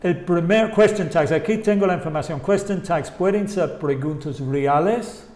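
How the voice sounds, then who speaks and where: A man's voice: fairly high pitch, a little slow, darkish tone, roomy sound. A man whose first language is English, teaching an online English lesson in Spanish and repeating example phrases to show rising and falling intonation.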